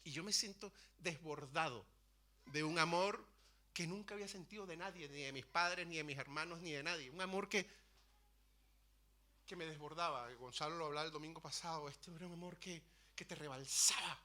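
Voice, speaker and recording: A man's voice: a little high, fairly quick, sharp tone. A man, telling his faith testimony from the pulpit in an earnest, storytelling way, often restarting his phrases. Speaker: preacher sharing testimony. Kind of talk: sermon testimony. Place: church.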